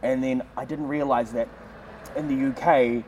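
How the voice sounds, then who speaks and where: A man's voice: mid-range voice, normal speed, slight background noise. Chatty comedian man, laid-back. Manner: relaxed, chatty, laughs at his own mishaps. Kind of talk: casual chat.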